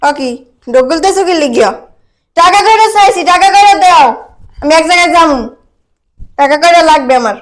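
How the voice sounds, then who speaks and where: A demanding mother-in-law scolds her son's wife over missing money, played by an actress. Her voice sits very high and her tone stays sharp and accusing throughout. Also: expressive, fairly quick, pauses often. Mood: scolding. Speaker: actor in a village comedy skit. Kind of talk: skit acting.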